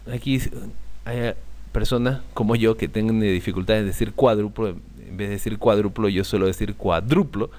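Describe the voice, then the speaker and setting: Male math tutor; patient, slow repeats of key terms, lively rising and falling delivery. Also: medium pitch. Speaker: math teacher. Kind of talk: explaining a lesson to viewers.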